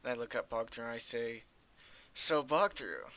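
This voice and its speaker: Casting note: male tabletop player, bright forceful tone, nervous and jokey in casual role-play. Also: mid-range voice, monotone, fast, smooth.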